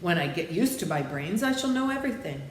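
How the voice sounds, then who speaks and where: A woman's voice: lowish voice, big pitch swings, quick pace. Woman voicing a proud Scarecrow in an echoey room. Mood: proud, earnest. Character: proud, earnest straw scarecrow man, newly wise. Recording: roomy echo, background noise.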